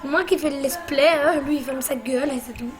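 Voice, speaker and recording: A high-pitched woman narrates her gameplay in a loose, chatty way. She teases and bosses her co-player as she goes, with faint music under her voice. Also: a little fast. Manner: chatty, bossy teasing. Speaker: let's play host. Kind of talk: casual gameplay commentary.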